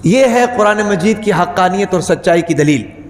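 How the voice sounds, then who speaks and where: A man's voice: high-pitched, expressive, slight background noise. A man giving a Friday sermon, who keeps putting rhetorical questions to the congregation and repeats key words for emphasis. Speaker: preacher. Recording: echoey hall with long reverb.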